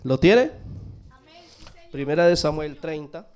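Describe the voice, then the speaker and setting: A man's voice: a little high, lively intonation, slow, darkish tone, smooth. A male preacher giving a sermon, telling a story animatedly and having the congregation repeat phrases after him.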